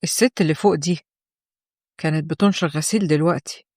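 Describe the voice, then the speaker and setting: A woman voicing a cold, scornful husband, speaking in a flat, lowered voice with an Egyptian accent. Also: fast, no room sound, studio quality. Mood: contemptuous. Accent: Egyptian Arabic.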